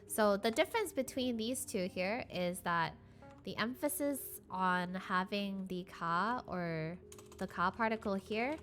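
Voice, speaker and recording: A woman's voice: medium pitch, fairly bright tone. Woman teaching Korean on a live stream. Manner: chatty, explains with many fillers and restarts. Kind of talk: casual live-streamed language lesson.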